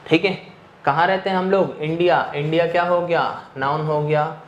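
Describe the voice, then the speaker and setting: A man's voice: on the high side, fairly even intonation, normal speed, dull audio, slight background noise. A male English teacher lecturing an online class, asking questions and answering them himself, mixing English phrases into his explanation. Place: teaching room with a board. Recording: echoey room.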